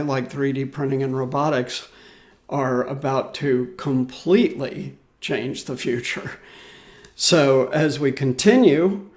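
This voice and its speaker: A man's voice: medium pitch, a little mellow. A man hosting his own podcast, talking loosely and unhurriedly with many fillers and restarts. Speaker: podcast host. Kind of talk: solo podcast commentary.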